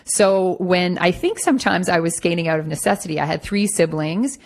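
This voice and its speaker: Low gravelly-voiced woman, chatty guest. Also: moderate pace. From Toronto, Canada. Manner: conversational with frequent fillers and restarts. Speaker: magazine editor-in-chief, guest. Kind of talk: relaxed interview answers.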